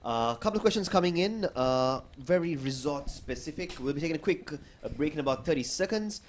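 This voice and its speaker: A man's voice: fairly high pitch, lively intonation, a little fast, slight background noise. A man hosting a live stream, announcing questions and breaks, with frequent fillers. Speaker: stream host.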